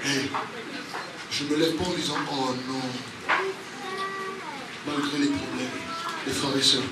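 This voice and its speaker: At a church service in a large, echoey room, a man leads a spontaneous charismatic sermon with prayer, emphatically repeating exhorting phrases to the congregation. His medium-pitched voice holds a steady tone and takes things slowly, picked up by a distant mic over a noisy background.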